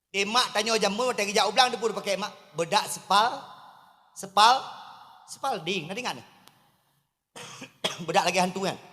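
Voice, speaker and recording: Animated Acehnese preacher, high voice. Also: male voice, normal speed, long pauses, in a large hall. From Aceh, Indonesia. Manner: animated, swings from low asides to loud emphatic calls. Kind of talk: humorous outdoor sermon. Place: mosque courtyard outdoors.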